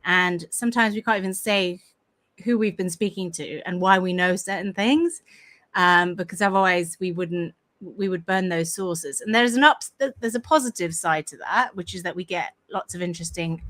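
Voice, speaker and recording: Woman, croaky voice, casual podcast host, rambling chatty delivery, many fillers, recording at home. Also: fairly low pitch, normal speed, a bit bright. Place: home room with a fan running.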